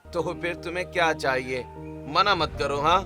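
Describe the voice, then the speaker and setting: A man's voice: fairly high pitch, normal speed, music in the background, lightly acted. A man voicing a kind male pizza store owner in a cartoon story who talks in a reassuring way. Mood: kindly.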